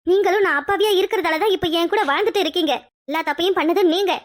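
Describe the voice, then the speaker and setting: A woman voicing a gentle, earnest young wife in a cartoon drama. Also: very high voice, fairly even intonation, fast talker, no echo, studio quality. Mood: indignant. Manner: earnest, pleading. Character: gentle young wife who finally speaks up. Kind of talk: cartoon voice acting.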